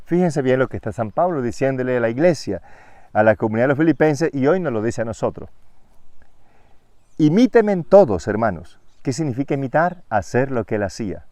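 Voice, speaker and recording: Male preacher, medium pitch, dry recording. Emphatic sermon delivery with rhetorical questions. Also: lively intonation, quick pace, a little mellow, no room sound. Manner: emphatic, rising on scripture readings, rhetorical questions.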